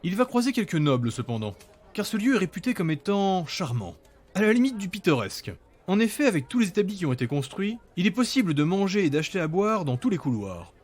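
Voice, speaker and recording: A man's voice: high voice, sing-song, quick pace, darkish tone. A man reading scripted narration for a fantasy audio story.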